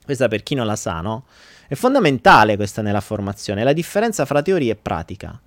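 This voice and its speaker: Animated male podcast host. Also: lowish voice, brisk, no room sound. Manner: animated storytelling. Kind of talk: live-streamed chat and joke-telling.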